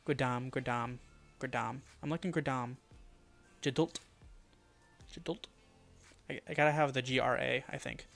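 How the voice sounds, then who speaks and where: A man's voice: mid-range voice, fairly even intonation, normal speed, vocal fry, pauses often, faint music behind. Man murmuring names over and over. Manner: mutters and repeats made-up names to test them; often drops to a quiet murmur. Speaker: streamer building a fantasy world. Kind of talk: casual live-stream thinking aloud.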